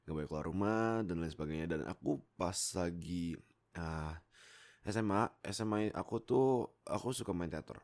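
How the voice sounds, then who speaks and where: Speaking low and with a darkish tone, this young adult from Indonesia chats to viewers in a loose, rambling way. He works as a YouTube creator and voice actor, and on his close desktop mic he keeps interrupting himself, hesitating, and cracking jokes on the side.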